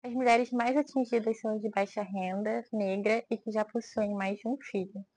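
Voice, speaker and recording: A woman's voice: mid-range voice, fairly even intonation, normal speed, darkish tone, dry recording, low-quality recording. A woman reading a scripted narration of statistics.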